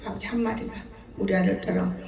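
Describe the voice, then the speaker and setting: A woman's voice: mid-range voice, steady tone, fast, vocal fry, a little mellow. A woman in her seventies, a pastor preaching a sermon in a folksy storytelling way, often laughing as she talks. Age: 70s. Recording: echoey church hall, distant mic.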